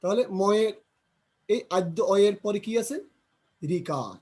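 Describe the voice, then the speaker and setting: In a slow grammar lesson, a man drills pronunciation by repeating example words and by questioning and answering himself. The voice is high-set, expressive, warm and husky.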